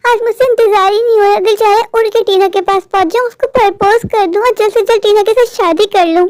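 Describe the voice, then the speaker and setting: A lovestruck young male crow, voiced by a woman in a cartoon, eager and a little anxious as he pleads. The voice sits very high. The recording is dry and close. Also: fairly even intonation, fast talker, darkish tone, dry recording. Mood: excited. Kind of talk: cartoon voice acting.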